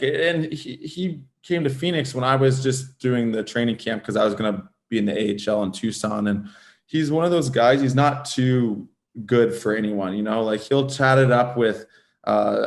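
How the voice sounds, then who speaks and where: A gravelly, mid-range voice belongs to this thirtysomething Southern Californian, a former professional hockey player appearing as a guest on a casual podcast. His answers ramble, restart often, and are filled with "like".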